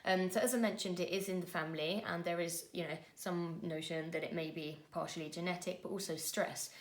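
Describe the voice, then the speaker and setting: A woman, telling a personal story to camera in an earnest, conversational way with frequent pauses and fillers. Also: fairly low pitch, fairly even intonation. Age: 20s. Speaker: vlogger.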